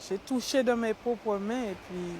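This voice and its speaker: A woman's voice: a little high, a little slow, a little mellow. Heartfelt woman from Guadeloupe, noisy ambience. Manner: emotional, heartfelt. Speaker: interviewee. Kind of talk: documentary interview.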